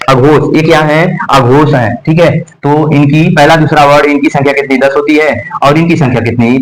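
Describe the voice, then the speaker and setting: In a roughly recorded exam-prep grammar lesson, a man with a mid-range voice teaches slowly, drilling letters and terms over and over. He puts questions to the class and answers them himself.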